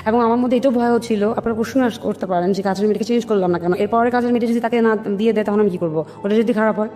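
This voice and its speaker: Speaking very fast in a fairly high, dark-toned voice, a woman with a Bangladeshi accent recounts her life story in an interview. She talks earnestly and with emphasis, acting out dialogue she remembers. Music plays behind her, and the recording has a long reverb.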